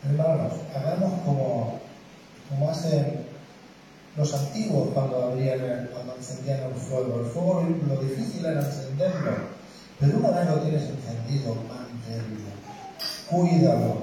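A man preaching in a church, his voice dark and mellow. He talks in a conversational way, keeps asking short questions of the listeners, and sounds close to tears. The voice is picked up from a distance in a very echoey hall with faint room noise. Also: medium pitch. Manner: emotional, tearful. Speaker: pastor. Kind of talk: sermon.

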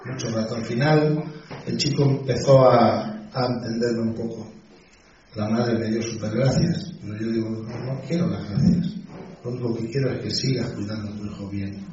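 Pastor preaching in an echoey hall. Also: male voice, mid-range voice, fairly even intonation, moderate pace, dark tone, slight background noise. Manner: conversational, frequent "¿sí?" and "¿sabes?" asides. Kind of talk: sermon with personal anecdote. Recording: dull distant echoey church hall.

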